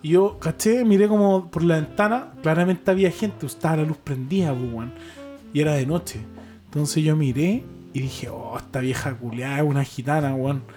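A young Chilean man co-hosts a casual podcast from a home living room, telling rambling, slangy stories and laughing often. His voice is warm and fairly high, his pace moderate, and faint music plays behind him.

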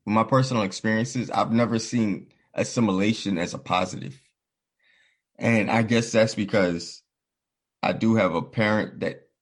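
A man's voice: lowish voice, fairly even intonation, moderate pace. A man hosting a podcast in casual conversation, earnest and reflective, telling personal stories and acting out what others said. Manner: earnest, reflective, storytelling with quoted voices. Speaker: podcast host.

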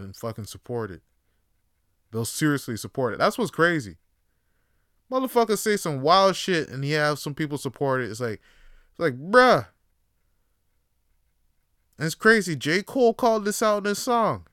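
Guy ranting on his podcast, cussing a lot, smooth voice, dry close sound. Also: no echo. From Toronto, Canada. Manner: profane, rambling, swings between loud outbursts and low musing. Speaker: podcast host. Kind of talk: solo casual rant.

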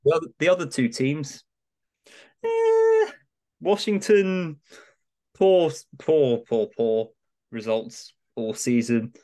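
Speaking slowly with long pauses, this medium-pitched man appears as a guest pundit on a sports podcast, his warm voice swinging widely in pitch. He analyzes things in a relaxed, conversational way, as if chatting informally.

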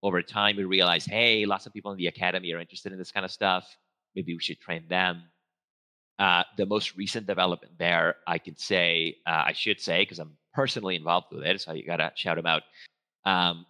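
This guest speaker, a research trainer from Venezuela and a native Spanish speaker, delivers an informal stage talk in a deep, bright, forceful voice. His delivery meanders, full of fillers, false starts and rapid corrections of himself.

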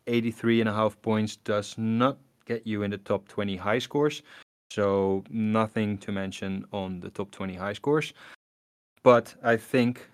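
A man with a low, smooth voice and a very even, flat delivery. He hosts a relaxed podcast chat, full of fillers and restarts. The recording is dry and close. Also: no room sound. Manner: hesitant, many fillers and restarts. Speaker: podcast host.

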